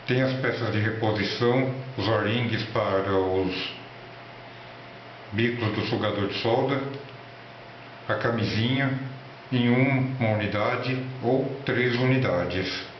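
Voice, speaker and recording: Echoey, low-voiced Brazilian man presenting. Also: slow. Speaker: electronics hobby presenter. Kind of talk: informal tutorial narration and product showcase. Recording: roomy, echoey, dull lo-fi with faint noise.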